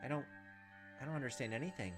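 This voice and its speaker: Speaking fast at a medium pitch, a gameplay host reads visual novel narration aloud indoors at his desk while on webcam. He interrupts with blunt, informal reactions over game music and insect sounds.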